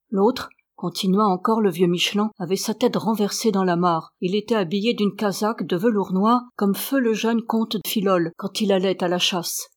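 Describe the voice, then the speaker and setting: Woman reading a novel aloud. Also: mid-range voice. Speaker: narrator.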